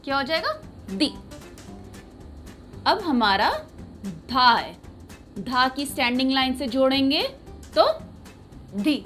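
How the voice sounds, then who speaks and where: A woman's voice: high voice, animated, takes it slowly, long pauses, a bit bright, soft background music. A woman teaching young children a writing lesson, patiently asking a question and repeating each sound.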